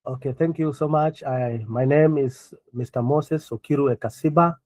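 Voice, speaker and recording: A middle-aged man from Kenya, a guest on a remote interview, speaking earnestly and in measured phrases with frequent pauses. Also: mid-range voice, a little mellow, dry recording, poor audio. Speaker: guest, NGO founder.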